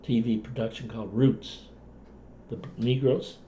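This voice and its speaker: An elderly man reminisces in a relaxed Cape Breton accent, talkative and folksy. His voice is mellow and soft-edged. He is recorded in a roomy, echoing space at home with faint noise behind him. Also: mid-range voice, normal speed. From Cape Breton, Canada. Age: older, past retirement. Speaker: interviewee, retired clinician and writer. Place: indoors in a home.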